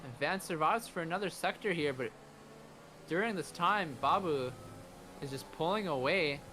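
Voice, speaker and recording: A man's voice: fairly high pitch, expressive, normal speed, bright, forceful tone, soft background music. A man doing live motorsport race commentary, narrating the action play by play.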